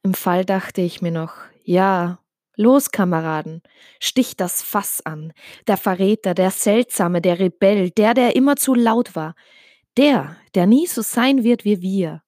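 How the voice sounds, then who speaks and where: A woman giving an emotional, intense reading of a dark first-person story, with some passages dropped to a hush. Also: medium pitch, unhurried, dry recording, studio quality.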